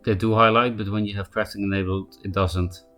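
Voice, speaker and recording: Faint music plays behind this Polish-accented man as he streams a card game live. His voice sits on the low side, level and slightly bright, and his talk is chatty and relaxed, full of quick asides and replies to viewers he addresses by name.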